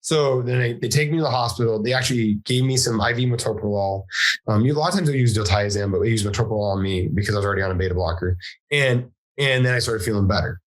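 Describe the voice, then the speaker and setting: A man's voice: lowish voice, fast talker, poor audio. A man from Southwest Washington, a podcast guest, telling a personal story in casual conversation, acting out what people said. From Southwest Washington, USA. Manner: animated storyteller acting out quoted dialogue, frequent restarts.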